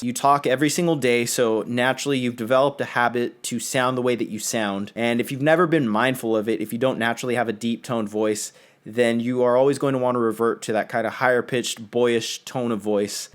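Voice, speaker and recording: Young male vlog host, earnest and direct, coaching straight to camera. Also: mid-range voice. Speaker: self-improvement video host. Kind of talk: casual instructional vlog.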